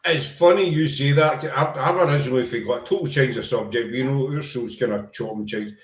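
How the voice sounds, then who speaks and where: A Glasgow man with a Scottish accent hosts a podcast, chatting casually at a fairly quick clip in a medium-pitched voice. He rambles and talks emphatically, with a roomy echo on the recording.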